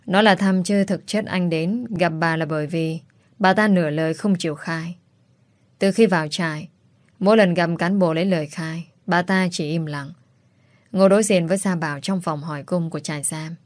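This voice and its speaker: A woman reads a romance story aloud in a steady, even way. Her voice sits a little low and the recording is dry and close. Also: moderate pace, dry recording. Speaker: narrator. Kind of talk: scripted story narration.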